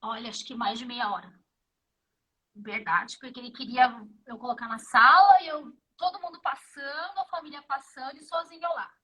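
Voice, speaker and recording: A woman's voice: sits high, normal speed, pushed and bright, husky, low-quality recording. A Brazilian woman in her fifties with a Brazilian Portuguese accent, a guest in a casual interview, who tells stories vividly and acts out the dialogue. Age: 50s.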